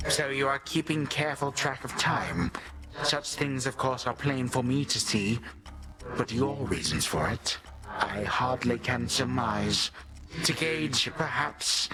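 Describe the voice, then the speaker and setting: A male actor with a natural, mid-range voice plays an ancient god of time in a video game, a sinister, condescending old villain. He speaks in pompous, archaic, theatrical phrases, savoring every word with a musing menace.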